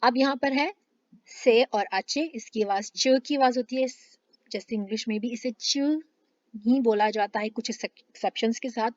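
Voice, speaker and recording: A woman teaching a language lesson, slowly stretching out syllable drills and mixing English words into her explanations. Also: on the high side, steady tone, no echo, dull audio.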